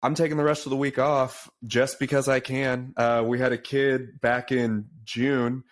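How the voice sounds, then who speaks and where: A young man hosting a casual podcast over a remote call, talking in a relaxed, chatty way. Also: medium pitch, measured pace. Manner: relaxed, chatty, says "dude" and "uh" often. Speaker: podcast host, pharma sales rep.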